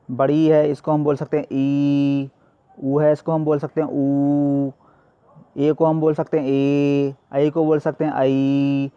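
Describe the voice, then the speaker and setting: A man's voice: fairly high pitch, dry recording, muffled recording. A male teacher giving a classroom lesson, asking questions and answering them himself.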